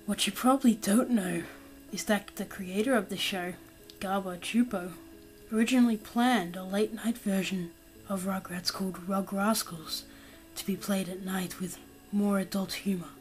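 A woman narrating a creepypasta horror story in a steady reading voice, going quiet and slow for the grim parts. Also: mid-range voice, rough recording. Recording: narration over loud background music.

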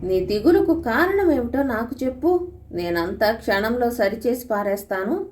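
A woman's voice: on the high side, expressive, moderate pace, darkish tone, recorded from a distance, natural voice. A woman voicing an old nursemaid who coaxes and boasts with confidence, in a storybook reading. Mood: coaxing. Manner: coaxing, boastful.

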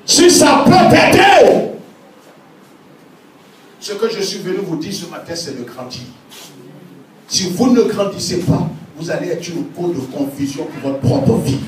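A man with a high voice preaches a lively sermon, slipping into the voices of the people he quotes. He sounds set back from the mic in a very echoey church hall, with faint noise underneath. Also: normal speed, recorded from a distance. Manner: animated preaching, acting out quoted church members. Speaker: pastor.

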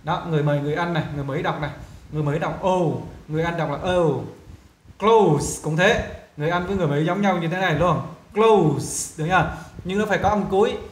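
Vietnamese guy teaching english sounds, high voice, echoey room, says words over and over. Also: steady tone. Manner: repeats model words slowly, asks students if they follow. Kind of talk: pronunciation lesson.

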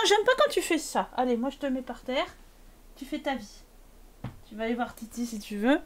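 A woman's voice: fairly high pitch, darkish tone. A woman streaming a life-sim game, joking crudely and talking to the characters on screen. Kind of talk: casual gameplay commentary.

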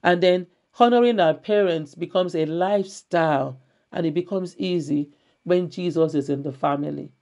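A woman's voice: fairly low pitch, moderate pace, a little mellow. A woman pastor preaching a church sermon, repeating her key phrases emphatically and reading scripture aloud.

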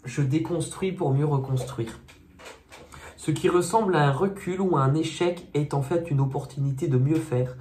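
A man's voice: fairly high pitch, moderate pace, darkish tone. Male tarot reader, casual and chatty, hesitant with fillers, self-mocking; roomy echo, faint noise. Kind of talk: casual monthly tarot reading. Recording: echoey room, faint noise.

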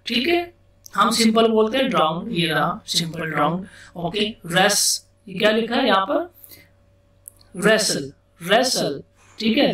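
A man with an Indian accent teaching English vocabulary in a casual classroom style, repeating words slowly and asking himself questions as he explains. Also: high-pitched, a bit bright. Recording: echoey room, distant mic.

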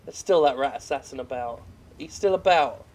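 A man's voice: mid-range voice, moderate pace, darkish tone, a little hiss or hum. A British man giving casual, rambling and self-deprecating gameplay commentary, swearing freely as he plays. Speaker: gamer commentating over gameplay. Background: faint video game action sounds.

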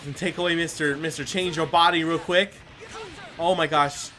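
Music plays behind a gaming video host as he offers casual commentary over the game, rambling in a self-deprecating way with some mild swearing. His fairly high voice is bright and forceful, with a steady tone and moderate pace.

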